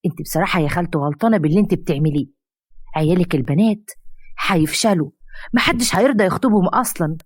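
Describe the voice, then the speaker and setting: A woman's voice: on the low side, racing, no room sound, clean studio sound, lightly acted. A woman voicing a preachy, know-it-all young niece in an Egyptian Arabic storybook tale. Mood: lecturing.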